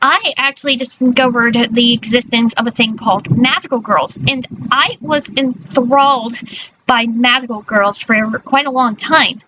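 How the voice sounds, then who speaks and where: A woman's voice: a little high, a little slow. A woman chatting casually on a livestream in a cute, girlish anime-streamer manner, often stumbling over her words. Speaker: streamer, virtual character persona. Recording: dull lo-fi mic with faint noise.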